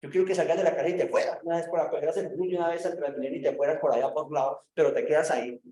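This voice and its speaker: A man voicing God, gently coaxing. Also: fairly high pitch, fairly even intonation, racing, reverberant, natural voice. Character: God, a patient fatherly male voice.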